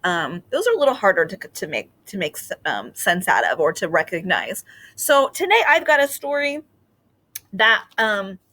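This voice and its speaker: Speaking at a normal speed in a sing-song, medium-pitched voice, a teacher patiently walks children through reading ideas with lots of fillers. Afterward she gives an expressive read-aloud of a picture book.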